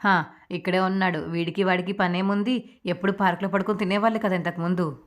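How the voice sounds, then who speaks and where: A woman's voice: lowish voice, steady tone, quick pace, natural voice. A woman voicing a blunt, sly young husband in a retold TV serial, speaking plainly with light sarcasm.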